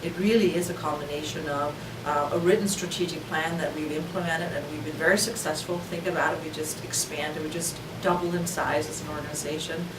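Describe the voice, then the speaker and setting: A woman speaks reflectively about her organization, her voice sitting very low. The room is echoey and the mic far off, with steady noise behind her. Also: a little fast, hardly any pauses. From Denmark. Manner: reflective, with frequent fillers. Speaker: organization leader. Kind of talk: interview talk for a corporate video. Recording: roomy, distant mic, background noise.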